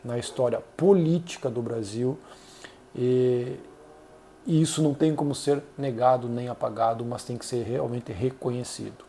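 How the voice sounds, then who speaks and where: Earnest Brazilian man, mellow voice. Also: medium pitch, vocal fry, a little hiss or hum. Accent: Brazilian Portuguese. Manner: earnest, measured, with frequent hesitations. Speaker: channel host reviewing an essay. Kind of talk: solo commentary.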